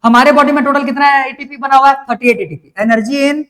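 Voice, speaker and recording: A man's voice: very high voice, brisk, a bit bright. A man teaching a lecture step by step, often checking that students follow. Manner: explains step by step, keeps asking if it is clear. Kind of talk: classroom lecture.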